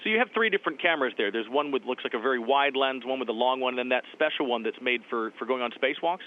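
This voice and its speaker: A man's voice: medium pitch, expressive, quick pace. A man working as an interviewer, asking chatty, inquisitive questions in a conversational way. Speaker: TV station interviewer. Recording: tinny phone-like line, faint noise.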